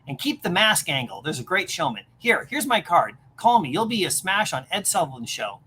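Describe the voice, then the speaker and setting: A woman reading aloud as a fast-talking male TV producer who makes a pushy sales pitch. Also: big pitch swings, sharp tone, a little hiss or hum. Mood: enthusiastic.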